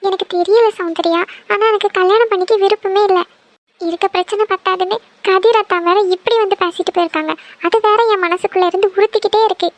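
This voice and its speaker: Woman doing a stubborn young cartoon gal, firm and earnest, high quick voice. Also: steady tone. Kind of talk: cartoon voice acting.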